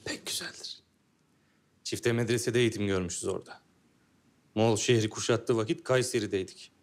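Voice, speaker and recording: Young male dervish, acted, historical series: lower register, formal and courteous old-time speech. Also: fairly quick, close to an everyday voice. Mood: courteous, instructive. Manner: formal, old-fashioned phrasing. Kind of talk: historical drama acting.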